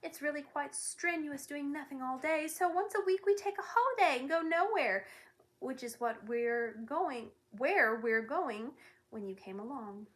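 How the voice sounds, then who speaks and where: A woman's voice: on the high side, lively intonation, measured pace, fairly bright tone. A woman voicing lazy, sleepy little storybook creatures who boast about doing nothing, drowsy and dawdling. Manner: drowsy, dawdling, then panicky.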